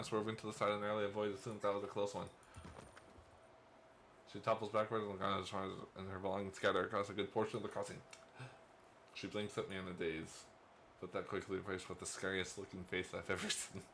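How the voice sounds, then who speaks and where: A man's voice: lowish voice, flat delivery, fast, a bit bright, a little hiss or hum. A man hosting a let's play, reading a visual novel's first-person narration aloud with playful asides and chuckles.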